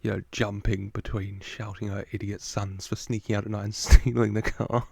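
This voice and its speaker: A man's voice: lowish voice, flat delivery, moderate pace, vocal fry, a little mellow, no room sound. A man giving casual film reaction commentary as host, chatty and amused.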